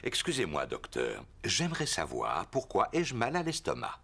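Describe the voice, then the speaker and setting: Un homme qui joue un papa cochon débonnaire et un peu maladroit dans un dessin animé. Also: male voice, lowish voice, wildly swooping pitch, normal speed, creaky, full character voice. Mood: playful. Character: Papa Pig, genial bumbling adult father pig. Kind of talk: French cartoon dubbing.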